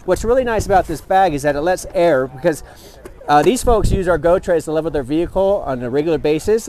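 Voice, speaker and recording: Recorded on a camera mic a few feet away, this thirty-something man has a high voice with a darkish tone, and there is slight background noise. He's a product representative at an outdoor expo booth, running an eager, enthusiastic demo, explaining and handling the product as he goes.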